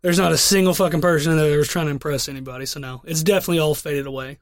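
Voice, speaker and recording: A man's voice: on the high side, steady tone, racing, no room sound, studio quality. A young man co-hosting a podcast, telling a crude story in rambling, profane casual chat with lots of restarts. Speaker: podcast co-host.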